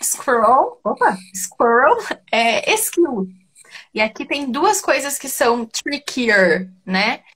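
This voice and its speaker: A Brazilian woman co-teaches a live English lesson, patiently walking through how to pronounce sounds. Her voice is somewhat high and a little husky. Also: big pitch swings, slow, fairly bright tone. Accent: Brazilian Portuguese. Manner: patient, step-by-step explanations. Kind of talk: explaining pronunciation in a live class.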